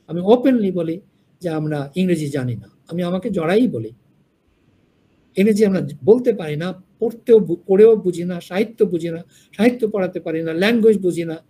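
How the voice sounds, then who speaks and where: A man's voice: high voice, moderate pace, mellow, breathy edge. Frank older man lecturing a class. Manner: frank, digressive storytelling. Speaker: university lecturer.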